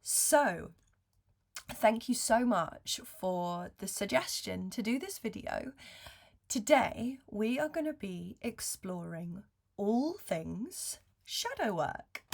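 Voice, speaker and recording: Female spiritual mentor for an intimate video chat: hoarse smoker's rasp, gravelly fry, gentle and hesitant. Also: medium pitch, lively intonation, slow. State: recovering from illness, hoarse. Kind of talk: intimate, reflective chat to viewers.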